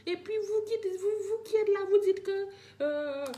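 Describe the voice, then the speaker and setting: An older woman holds forth on a live stream, her high, mellow voice pleading and circling back over the same complaints. She talks directly to her viewers, restless and insistent. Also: measured pace. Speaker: livestreamer addressing viewers. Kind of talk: emotional live-stream rant.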